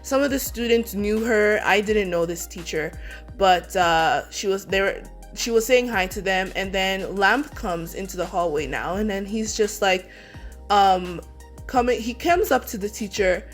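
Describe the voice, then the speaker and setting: A woman's voice: mid-range voice, measured pace, faint music behind. A young woman, a beauty vlogger, telling a story in a casual, rambling way, filling it with "like" and restarts. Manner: rambling, heavy use of 'like', many restarts. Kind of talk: casual storytime while doing makeup.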